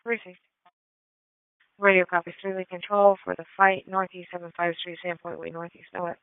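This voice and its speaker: A woman works police and fire dispatch over two-way radio, calling out incidents and numbers in clipped, procedural, scripted-sounding calls. Her voice is lowish, level, brisk, and smooth, with no room sound. It comes through a tinny narrow-band radio scanner feed.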